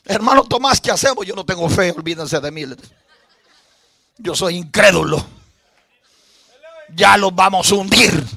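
A frantic, terrified disciple caught in a storm, as a preacher acts him out, his cries leaping high and urgent. The voice is raspy and bright, recorded dry and close. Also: measured pace, long pauses, no echo, exaggerated voice. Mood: panicked. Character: panicked frightened male disciple in a storm.

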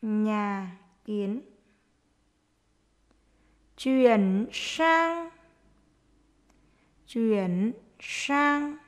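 A woman's voice: a little high, extremely slow, pauses often. A woman primary school teacher dictating to young pupils, saying short phrases word by word and repeating each one.

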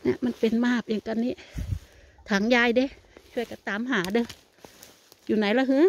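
An older woman with an Isan Thai accent talks in a chatty, homely way, as if to relatives, while she forages outdoors in a forest. Her voice sits a little high, and faint outdoor noise runs behind it on a handheld phone recording. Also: steady tone, fairly quick, vocal fry. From Thailand. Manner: chatty, addresses viewers as family. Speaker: vlogger. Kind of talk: casual chat while foraging.

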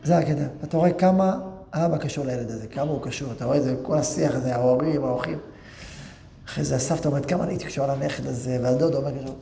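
Rabbi eulogist: man, gravelly, darkly toned, story-driven talk that acts out the dialogue. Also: medium pitch, a little hiss or hum. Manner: storytelling, reenacts dialogue in lively voices. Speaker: yeshiva rabbi giving a eulogy.

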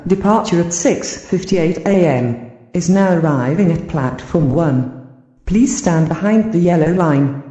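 A woman reading formal train station announcements in a calm, measured delivery. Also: on the low side, roomy sound, muffled recording.

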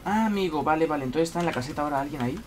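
Excitable gamer man, lively pitch. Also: rapid-fire, slight background noise. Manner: excitable, talks to himself, frequent exclamations. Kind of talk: live gameplay commentary.

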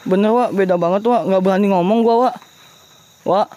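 Jumpy man with a high voice. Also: moderate pace, warm tone. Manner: nervous, jumpy, keeps calling for his crewmate. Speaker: horror vlogger exploring a forest at night. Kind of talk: live ghost-hunting vlog. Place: forest outdoors at night. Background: crickets and insects.

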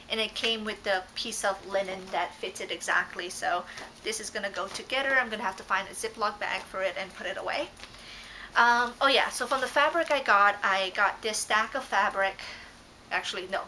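This young woman, a Dutch-native cross-stitch vlogger, speaks at a moderate pace in a medium-pitched, pushed, bright voice. She casually shows off a craft haul from her living room couch, rambling and correcting herself with many ums. A fixed camera at close range makes a rough recording with a little hiss or hum.

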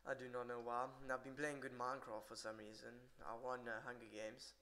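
A man's voice: medium pitch, level tone, brisk, pushed and bright. A tired man giving rambling, irritable live commentary on his own match and swearing a lot. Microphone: poor computer mic.

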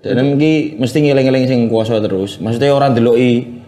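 A man chats calmly in a radio studio. He explains the figures in a relaxed, even tone, mid-pitched and steady. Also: fairly quick. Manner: relaxed explanatory, mixing Javanese and Indonesian. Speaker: puppetry guest explaining wayang figures. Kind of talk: casual chat.

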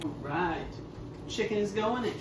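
A man's voice: high-pitched, animated, unhurried, very noisy. A young man vlogging at home, chatting upbeat and directly to his viewers. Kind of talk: casual chat to camera. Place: home, indoors, living room and kitchen.

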